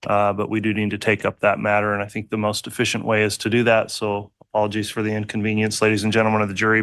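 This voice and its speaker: Low flat male judge, courtroom recording. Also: no room sound. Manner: formal, procedural, steady. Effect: courtroom audio feed. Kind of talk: courtroom proceedings.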